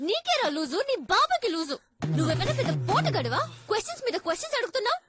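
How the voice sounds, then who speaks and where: A woman's voice: very high voice, very animated, rapid-fire. An actress playing a fiery young woman in her twenties who shrilly scolds her insulting date. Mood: furious. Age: 20s. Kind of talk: film dialogue.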